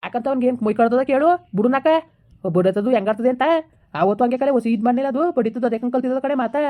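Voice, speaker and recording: A woman's voice: a little high, fast talker, natural voice. A woman playing a blunt village father speaking on a phone call in a family skit. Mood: irritated.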